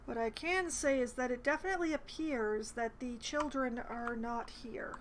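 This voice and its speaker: High-pitched woman narrating a game. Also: normal speed, a little hiss or hum. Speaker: player narrating a game playthrough. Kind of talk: casual game commentary.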